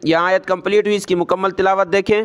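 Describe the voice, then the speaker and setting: A man teaching Quran recitation, spelling out letters and vowel marks, then chanting each verse slowly. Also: high voice, level tone, clean tone. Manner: slow drawn-out chanting of verses.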